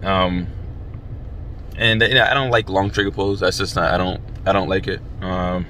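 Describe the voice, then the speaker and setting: Young male vlogger, deepish voice, cold and halting, informal talk from a car seat, slight background noise. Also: steady tone, sharp tone. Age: young adult. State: chilled by the cold. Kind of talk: casual chat to camera. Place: inside a parked car.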